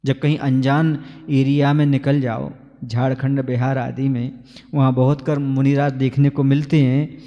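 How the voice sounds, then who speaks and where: A man's voice: mid-range voice, flat delivery, a little slow, highs cut off. A man who is a Jain monk, giving a sermon on scripture, asking his listeners questions and reciting rhyming couplets. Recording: long hall reverb.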